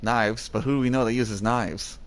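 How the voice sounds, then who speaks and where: A man's voice: mid-range voice, fairly even intonation, normal speed, slight background noise. A man hosting a let's play, giving casual commentary as he plays.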